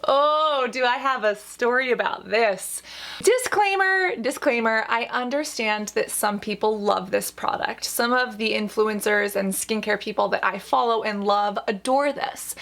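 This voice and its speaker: A woman's voice: medium pitch, creaky, a bit bright. A woman giving conversational reaction commentary as a skincare host, speaking in an emphatic, playful, opinionated way. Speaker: esthetician reviewing skincare as host.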